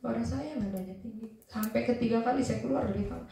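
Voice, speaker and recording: A woman's voice: fairly high pitch, fast talker, crowd noise. A young woman giving a spirited testimonial speech to an audience, telling a personal story and acting out the dialogue. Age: young adult. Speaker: motivational speaker. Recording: echoey hall from far off.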